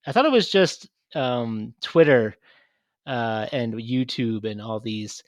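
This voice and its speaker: A man's voice: mid-range voice, animated, slow pace, dry recording. A man co-hosting a podcast, rambling in casual chat with many restarts and fillers. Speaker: podcast co-host.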